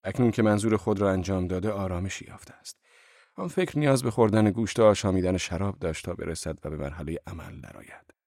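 A man narrating an audiobook in the first person, measured and calm. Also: deep voice, creaky, no room sound, clean studio sound.

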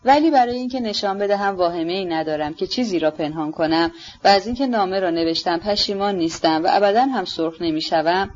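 A woman reading an audiobook, voicing a gentle, earnest young nobleman who speaks softly and sincerely. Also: lowish voice, highs cut off, close to an everyday voice. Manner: soft, hesitant, sincere.

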